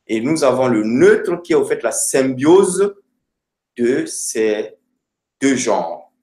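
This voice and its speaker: A man explains grammar to a student at an unhurried pace, pausing and hesitating often as he searches for words. His voice sits at a middle pitch and rings out in an echoey room. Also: animated, dark tone. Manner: slow, hesitant, many fillers. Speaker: Romanian language teacher.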